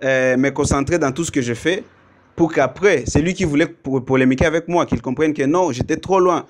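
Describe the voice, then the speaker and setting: Congolese musician talking things through. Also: male voice, on the high side, brisk. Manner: thoughtful, explains at length with fillers. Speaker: musician guest. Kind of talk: casual interview talk.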